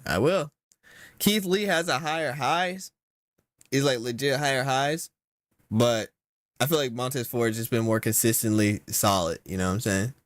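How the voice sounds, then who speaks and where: A young man giving casual reaction commentary, slangy and exasperated, with sudden loud outbursts. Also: mid-range voice, normal speed, dry recording, clean studio sound. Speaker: content creator.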